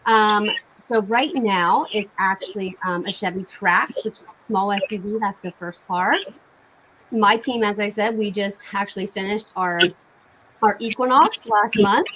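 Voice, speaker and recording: An enthusiastic, informal woman giving a casual live-stream sales pitch as a cosmetics consultant hosting an online game night. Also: noisy background.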